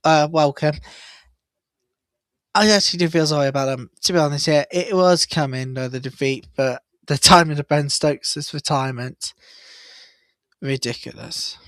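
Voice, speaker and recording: A man hosting a live cricket watchalong, chatty and excitable, jumping up in pitch at big moments. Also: normal speed, no room sound. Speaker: watchalong host.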